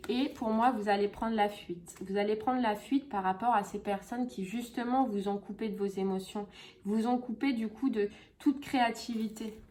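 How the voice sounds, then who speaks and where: A woman's voice: mid-range voice, steady tone, normal speed, a little mellow, slight background noise. A woman giving a casual tarot reading, chatty and full of fillers and repeated phrases. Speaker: tarot reader.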